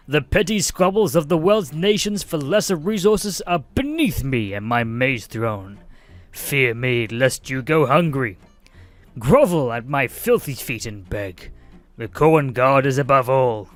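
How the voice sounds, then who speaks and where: A tyrannical god of greed, as a man puts him on, booming his decrees slowly and grandly for a narrated internet story. He drags out his words and lets each threat sink in. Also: animated, no room sound, soft background music, natural voice. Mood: domineering. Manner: slow, commanding proclamations. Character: booming arrogant male god of corporate greed.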